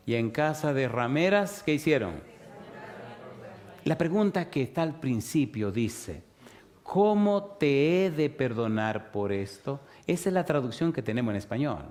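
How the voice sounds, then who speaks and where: A man with a Dominican accent preaching a sermon. He keeps asking his listeners yes-or-no questions and moves between loud, emphatic lines and quiet, hushed ones. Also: mid-range voice. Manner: asks the audience rhetorical yes-or-no questions, swings from loud to hushed.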